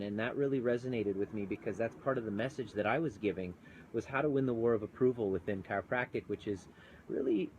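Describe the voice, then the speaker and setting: A medium-pitched, darkish voice belongs to a Canadian man who left chiropractic for coaching, chatting earnestly on an outdoor live phone video with mountains in view and greeting viewers mid-thought. The audio is poor, with slight background noise.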